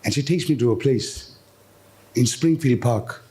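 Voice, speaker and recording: A man's voice: medium pitch, unhurried. A man with an Indian South African accent performs stand-up comedy live on stage, acting out dialogue as he tells stories and putting questions to the crowd. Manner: animated storyteller, acting out dialogue and questioning the audience. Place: live on stage at a gala dinner.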